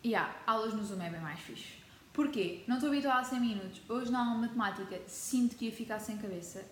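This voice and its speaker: A woman's voice: on the high side, fast talker, a little hiss or hum. A teenage girl from Portugal with a European Portuguese accent, vlogging in a chatty, dramatic way and dropping English words into her talk. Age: teens. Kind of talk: casual chat to camera. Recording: echoey room with faint ambience.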